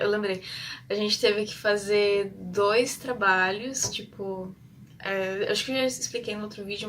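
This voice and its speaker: A woman's voice: medium pitch, bright, forceful tone, recorded from a distance, a little hiss or hum. A young woman from Brazil, an exchange student, chatting casually about her studies, rambling with many fillers and English terms. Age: young adult. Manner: shy by her own account. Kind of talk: casual vlog storytelling.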